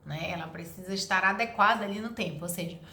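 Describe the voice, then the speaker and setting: A woman's voice: fairly low pitch, fast talker, bright, forceful tone. Lady giving parenting tips, earnest and firm, echoey room. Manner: earnest, emphatic, explains step by step. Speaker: parenting educator. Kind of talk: advice monologue to camera. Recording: roomy echo.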